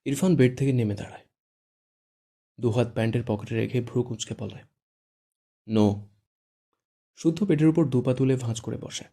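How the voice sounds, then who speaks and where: Mellow male audiobook narrator. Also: mid-range voice, fairly quick. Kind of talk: scripted story narration.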